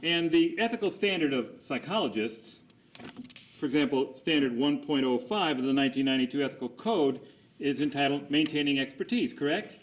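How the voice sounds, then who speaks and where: A man's voice: a little high, expressive, brisk, rough recording. A man conducting a cross examination as an attorney, putting formal, methodical leading questions and seeking agreement after each statement.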